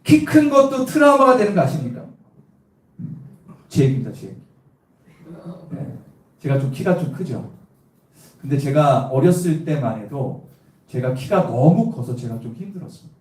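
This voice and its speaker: A middle-aged pastor from Cheongju, South Korea, delivers a lively evangelistic sermon in a fairly high male voice at a moderate pace, with long pauses. He quizzes his congregation and tells humorous personal stories, recorded from a distance in an echoey church sanctuary.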